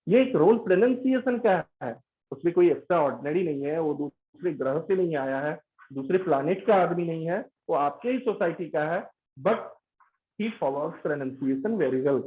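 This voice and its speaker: A man with an Indian English accent giving an English pronunciation lesson, switching between Hindi and English and repeating example words slowly. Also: a little high, expressive. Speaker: English teacher. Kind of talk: classroom lecture mixing Hindi and English. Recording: tinny phone-like sound.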